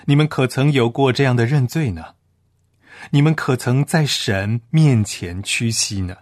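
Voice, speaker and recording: A man's voice: mid-range voice, measured pace, darkish tone, no echo. Solemn man reading a sermon, dry sound. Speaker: preacher. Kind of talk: read sermon.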